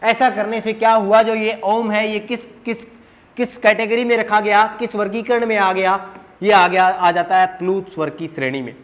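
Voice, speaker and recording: A man's voice: sits high, level tone, moderate pace. A man teaching a grammar lesson at a whiteboard, asking questions and answering them himself, repeating the key terms.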